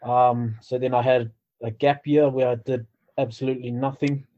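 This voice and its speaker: Flat-toned Kiwi man, slightly muffled. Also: medium pitch, moderate pace. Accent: New Zealand. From New Zealand. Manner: laid-back, informal. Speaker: podcast guest, builder. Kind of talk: casual chat. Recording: slightly dull, lo-fi sound.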